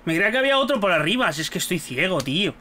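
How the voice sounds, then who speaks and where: A young man with a Spanish accent from Spain, commenting casually and excitably on his own gameplay as a gaming YouTuber. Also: sits high, very fast, a little hiss or hum. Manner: excitable, exclaims and jokes loudly at the game.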